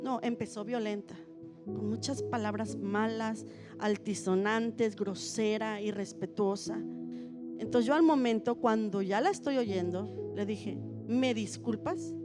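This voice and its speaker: A woman's voice: medium pitch, a little slow, music in the background. A middle-aged woman pastor, telling a personal story in a sermon and building into fervent preaching.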